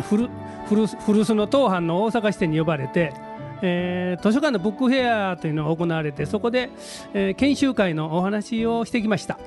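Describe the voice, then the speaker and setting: Man, Kansai accent, gravelly voice, relaxed, playful radio guest. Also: sits high, moderate pace, music in the background. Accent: Kansai Japanese. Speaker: reading advisor guest. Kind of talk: radio talk show chat.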